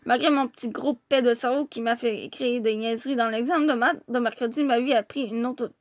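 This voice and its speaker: A woman with a Québécois accent reads a novel aloud in lively first-person narration. Her voice is high, and the recording is close and dry with no room around it. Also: fairly quick, dry recording.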